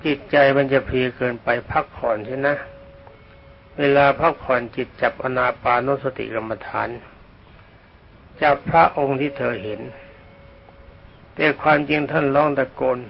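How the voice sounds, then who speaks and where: An older man, a Buddhist monk, telling a slow dharma story, often clearing his throat, on a dull old recording. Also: medium pitch, slight background noise.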